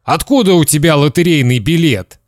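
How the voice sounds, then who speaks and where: A man's voice: fairly high pitch, animated, brisk, no room sound, clean studio sound, pitched above the performer's own voice, lightly acted. A man reading a children's story aloud, voicing a nervous father who questions his son sternly. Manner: stern, interrogating, then pleading. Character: flustered, nervous father, growing frantic.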